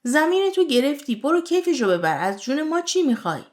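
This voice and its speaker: A woman's voice: high voice, very animated, a little mellow. A woman reading as a domineering young man. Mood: bossy. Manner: bossy, threatening. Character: domineering young husband, threatening.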